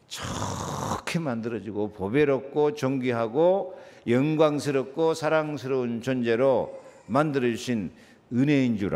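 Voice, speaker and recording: A male pastor preaching a sermon, repeating key words for emphasis and calling on the congregation to answer and greet each other. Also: big-room sound. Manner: preaching with big swings in pitch and loudness, repeating key words; asks the congregation to answer and greet one another. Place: church sanctuary.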